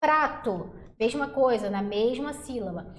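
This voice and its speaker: Lady teacher w a high voice, chatty, lots of echo in the room, spells out syllables slow. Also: animated, slight background noise. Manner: casual, chatty, addresses class as galera and gente; slows to sound out syllables. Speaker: Portuguese teacher. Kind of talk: exam prep grammar lesson. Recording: roomy echo.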